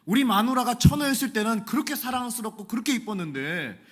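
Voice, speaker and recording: A man's voice: very high voice, big pitch swings, fairly quick, a bit bright, full character voice. A man voicing a henpecked husband who pleads and complains to God about his nagging wife. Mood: pleading. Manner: plaintive, pleading. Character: henpecked middle-aged husband, whining.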